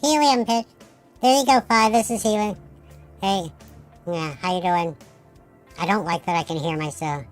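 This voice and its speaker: A man chatting on a live stream, his voice warped by a software voice changer that keeps morphing it, from squeaky chipmunk tones to a flat robotic drone. His talk is loose and profane. There is a faint bed of music underneath. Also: normal speed, pauses often. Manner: swearing, joking, reacting to his own altered voice. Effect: morphing voice from a software voice changer, swinging from chipmunk-high to robotic. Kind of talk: casual live-stream chat.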